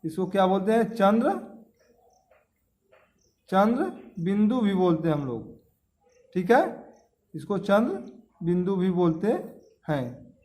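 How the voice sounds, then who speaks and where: Male schoolteacher, high voice, drills terms, asks the class questions. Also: lively intonation, slow, long pauses, warm tone. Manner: repeats key terms, quizzes students with questions. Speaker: teacher. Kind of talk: classroom grammar lesson.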